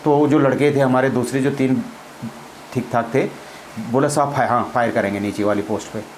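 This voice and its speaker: A man's voice: medium pitch, steady tone, moderate pace, a little hiss or hum, low-quality recording. A man, a former army officer, telling a personal story in a casual spoken way, acting out the dialogue and laughing as he goes. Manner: acts out quoted dialogue, laughs as he tells it.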